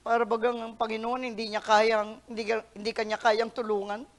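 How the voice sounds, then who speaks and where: A woman pastor giving a Sunday sermon, mixing Tagalog with English, swinging from loud emphatic peaks to soft near-whispers and stretching words out for emphasis. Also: a little high, level tone, a little fast. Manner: mixes Tagalog with English phrases.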